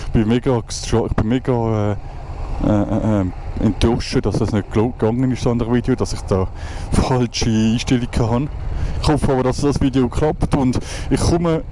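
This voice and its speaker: A man's voice: medium pitch, fairly even intonation, moderate pace. A Swiss man in his twenties with a Swiss German accent, chatting casually as a motovlogger while riding through traffic, rambling with many restarts and fillers. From Switzerland. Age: 20s. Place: outdoors on a motorcycle in traffic. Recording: road and wind noise behind the voice.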